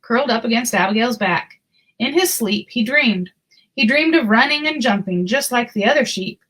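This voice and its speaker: Reading from a children's picture book, a woman narrates with deliberate, expressive storytelling. She sits on the higher side, her voice slightly rough, and the audio quality is poor.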